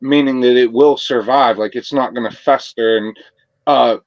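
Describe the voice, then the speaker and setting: A man in easy, enthusiastic conversation, swearing casually and speaking at a middling pitch. The sound is close and dry, with a slightly dull, lo-fi edge. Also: steady tone, moderate pace, no room sound. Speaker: whiskey enthusiast. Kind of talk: casual chat.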